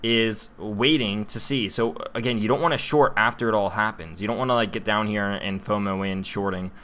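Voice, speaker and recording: A man's voice: on the low side, fairly even intonation, normal speed, a bit bright. Casual young man on a chart livestream. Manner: casual, chatty, many fillers and restarts, talks to chat. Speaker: crypto livestream host.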